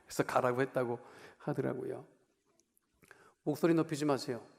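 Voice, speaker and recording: A man preaching a sermon as pastor, talking conversationally, putting questions to the congregation and moving between raised emphasis and quiet asides. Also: medium pitch, fairly even intonation, normal speed, creaky. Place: church sanctuary. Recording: long reverb of a large church hall.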